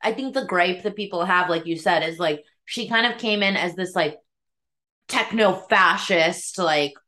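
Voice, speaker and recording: A woman's voice: lowish voice, unhurried, bright, forceful tone. A woman co-hosting a podcast in casual conversation, talking in informal, slangy phrases. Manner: informal, filler-heavy slang with frequent "like". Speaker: podcast co-host.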